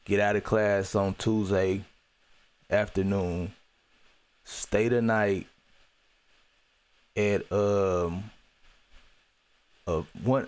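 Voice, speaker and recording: Low-voiced man, earnest podcast storytelling. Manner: earnest, repeats key phrases for emphasis; loose, with many "you know" fillers and restarts. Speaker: podcast host. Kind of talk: reflective personal storytelling.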